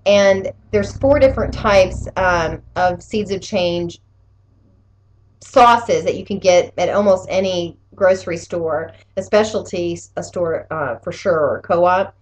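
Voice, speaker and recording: A woman's voice: fairly low pitch, slow pace, low-quality recording. A woman chatting casually in a personal update, rambling and often rephrasing herself as she goes. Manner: rambling, conversational, self-correcting. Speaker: vlogger giving weekly health challenge update. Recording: clear steady background room noise.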